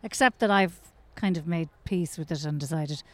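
A woman's voice: sits low, normal speed. A woman, a comedian and actress chatting on a podcast with wry, teasing banter. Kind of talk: casual chat.

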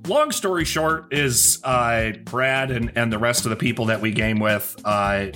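A man's voice: medium pitch, unhurried, pushed and bright, soft background music. A man co-hosting a podcast, telling a rambling casual story with lots of fillers and swearing. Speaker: podcast co-host. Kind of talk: casual chat.

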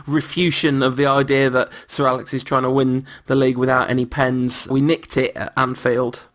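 A man's voice: mid-range voice, flat delivery, normal speed, fairly bright tone. A man hosting a casual football podcast, talking in a rambling, self-mocking way with many restarts. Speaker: podcast host.

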